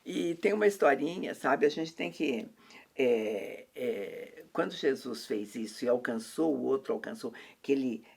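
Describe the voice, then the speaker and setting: Uma mulher brasileira numa conversa cristã descontraída, contando histórias bíblicas com muitos "né" e "sabe". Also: female voice, a bass voice, animated, a little slow, vocal fry, a little mellow, breathy edge. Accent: Brazilian Portuguese. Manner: preachy storytelling, many fillers and tag questions. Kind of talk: casual faith chat.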